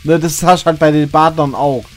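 A man's voice: a little high, steady tone, moderate pace. A man from the West Palatinate, chatting casually on a live stream and repeating words while he searches for them. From West Palatinate, Germany. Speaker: streamer host.

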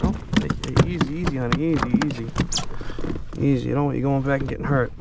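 A man filming his own kayak fishing trip, talking casually and softly coaxing the fish he handles, recorded on a kayak-mounted action camera out on open water. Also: medium pitch, quick pace. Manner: talks softly to the fish while handling them. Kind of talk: casual self-narrated fishing vlog. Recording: steady wind and water noise behind.

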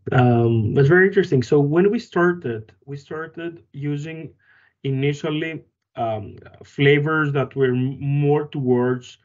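A man's voice: mid-range voice, darkish tone, dull audio. A man from Greece, founder of a food company, answering interview questions thoughtfully with frequent fillers and restarts.

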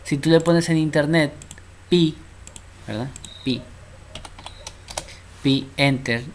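A man's voice: a little high, slow pace, a little hiss or hum. A man teaching math in a casual way, often checking in with the class and repeating himself. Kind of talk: informal math lesson at a board.

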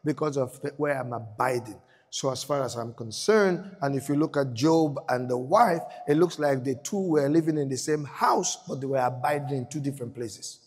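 A man's voice: medium pitch, normal speed, hardly any pauses, a little mellow, slightly rough, in a large hall. A man pastor delivering an emphatic sermon in a church, repeating phrases for effect.

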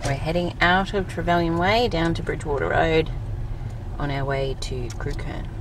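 A woman's voice: low voice, steady tone, normal speed, distant mic, noisy background. A mother narrating a family road trip from inside a car, cheerful and chatty with her daughters. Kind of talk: casual family vlog narration.

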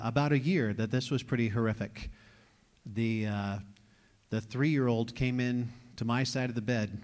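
Joking pastor man in a reverberant hall. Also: mid-range voice. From New York. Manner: joking, conversational storytelling. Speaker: lead pastor. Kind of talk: sermon. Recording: long reverb of a large hall.

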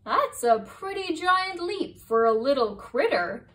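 A woman's voice: high voice, very animated, slow pace, fairly bright tone, recorded from a distance, exaggerated voice. A woman voicing a second astronaut in a storybook, friendly and teasing.

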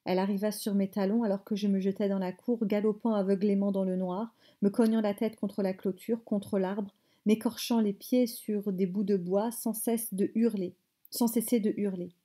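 Dark-voiced woman reading a novel aloud. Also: mid-range voice, steady tone. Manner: measured, phrase-by-phrase reading. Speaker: French teacher.

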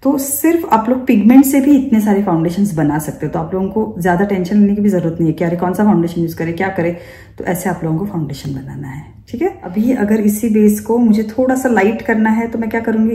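A woman teaching a makeup class at a middle pitch, talking her students through a demonstration step by step. Her voice is mellow and soft-edged. She often asks the class rhetorical questions, and the room sounds echoey around her. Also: lively intonation, fast talker. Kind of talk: instructional demonstration.

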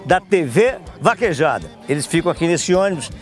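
A man's voice: fairly high pitch, very animated, brisk. A middle-aged man with a Northeastern Brazilian accent presenting and interviewing on location, like a hyped rodeo announcer, into a handheld mic. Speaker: TV show presenter and reporter. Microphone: handheld microphone. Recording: outdoor TV report with faint music bed.

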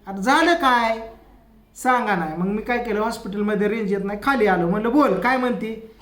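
Man, very high pitch, comedic rant, echoey room. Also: fairly quick, a bit bright. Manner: ranting, retelling quarrels with quoted voices. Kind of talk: rural family-drama comedy monologue.

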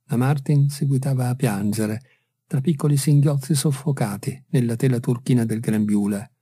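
A man reads a classic short story aloud, calm and unhurried. His voice is very dark and husky, at a middle pitch. The sound is dry and close to the mic. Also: no echo. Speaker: audiobook reader. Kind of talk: literary narration.

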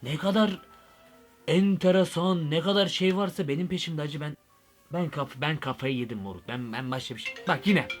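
A young man doing a comic vlog monologue, excitable and rambling, full of slang. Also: a little high, moderate pace, faint music behind. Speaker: YouTube comedian.

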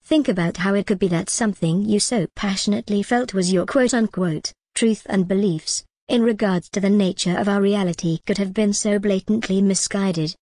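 A woman's voice: medium pitch, moderate pace, hardly any pauses, a little mellow, no room sound, clean studio sound. A woman delivering a scripted video monologue, mixing wry joking asides with earnest persuasion. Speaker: video creator.

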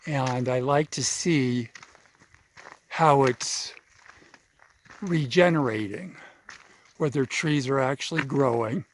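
Walking a mountain trail, a hiking vlogger narrates his thoughts while out of breath. He speaks slowly at medium pitch, leaving long pauses, and the audio carries a little hiss or hum.

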